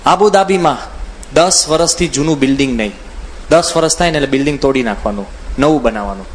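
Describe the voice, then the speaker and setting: A man's voice: a little high, slight background noise. A man who is a monk giving a humorous spiritual discourse, telling anecdotes and acting out the voices of people he quotes. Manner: animated, acts out quoted voices, chuckles while telling anecdotes.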